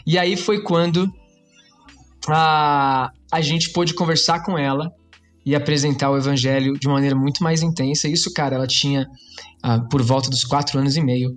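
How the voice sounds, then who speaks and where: A Brazilian man with a higher voice shares a family anecdote in a lively way, now and then reading a quote aloud. Light music sits faintly in the background. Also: moderate pace. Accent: Brazilian Portuguese. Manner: lively storytelling, quotes a book. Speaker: pastor and podcast host. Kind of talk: casual chat.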